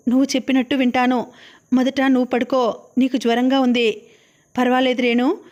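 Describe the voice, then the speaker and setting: A woman's voice: sits high, darkish tone. A woman narrating an audiobook of a novel, reading all the characters' lines in her own voice.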